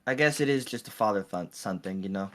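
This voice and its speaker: A man's voice: on the low side, expressive, a little fast, a crowd in the background. A man co-hosting a casual podcast chat, skeptical and argumentative, often laughing. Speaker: podcast co-host.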